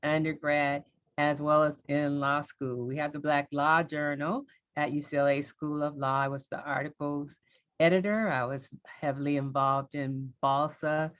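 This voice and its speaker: A middle-aged judge from Los Angeles tells her career story on a panel, candid and lively. Her voice is low, and the sound is lo-fi.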